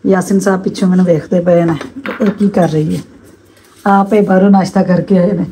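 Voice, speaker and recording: A woman's voice: on the low side, fairly even intonation, moderate pace, mellow, slight background noise, low-quality recording. Chatty middle-aged woman cooking at home. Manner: chatty, homely, addresses viewers as family. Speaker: cooking vlogger. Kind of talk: casual cooking vlog narration. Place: home kitchen.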